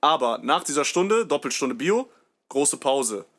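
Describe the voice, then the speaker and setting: A man's voice: medium pitch, sing-song, measured pace, fairly bright tone. A young man hosting a podcast, telling rambling school stories in casual, slang-filled chat. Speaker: podcast host.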